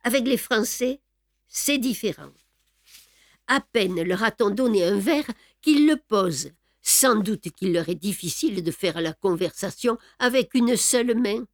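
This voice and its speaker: A woman reading an audiobook in a measured, wry storytelling manner. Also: mid-range voice, animated, no room sound, clean studio sound. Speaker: audiobook narrator. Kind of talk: scripted audiobook narration.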